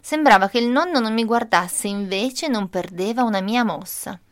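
A woman reads a children's storybook aloud in an expressive, lively way. The sound is close and dry. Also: on the high side, normal speed, dry recording. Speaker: narrator.

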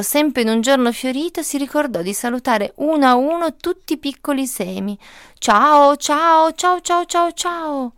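A woman reading a children's storybook aloud, gentle and expressive with lively emphasis. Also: fairly high pitch, clear, resonant tone, dry recording, clean studio sound.

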